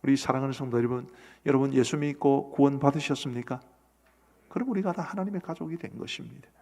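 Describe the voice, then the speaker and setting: Gravelly middle-aged pastor in a reverberant hall. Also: male voice, medium pitch, quick pace, darkish tone. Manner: earnest, asks the congregation questions. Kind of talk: sermon. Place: church sanctuary. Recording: long church hall reverb.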